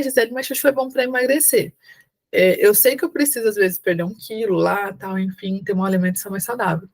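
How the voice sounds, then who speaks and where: This online lecture features a Brazilian exam-prep teacher whose São Paulo-accented voice sits a bit high. She lays things out patiently and often checks that the class is with her, sometimes slipping into warm, cajoling phrases as if speaking to a young child at the table.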